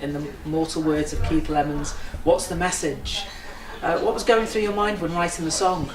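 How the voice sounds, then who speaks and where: An interviewer works through prepared questions at a mid pitch. The voice rings in an echoey room, with a crowd chattering behind. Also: steady tone, normal speed.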